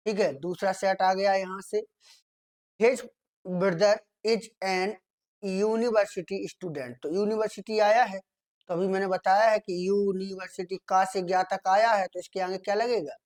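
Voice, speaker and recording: Indian man, tutor, steady grammar explainer who reads examples slowly and checks in often. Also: sits high. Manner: repeats "theek hai" often, asks and answers his own questions; reads English sentences out slowly, as if dictating. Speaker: teacher. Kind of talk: exam grammar lesson.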